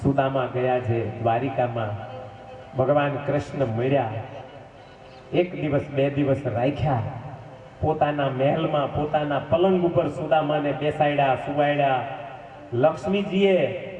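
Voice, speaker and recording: A man's voice: on the high side, measured pace, long pauses, darkish tone, roomy sound, long reverb tail. Preacher man telling scripture stories, far from the mic, dull lo-fi sound w faint music. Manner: fervent, storytelling with asides to the audience. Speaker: religious storyteller. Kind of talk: devotional scripture discourse. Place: temple hall at a festival.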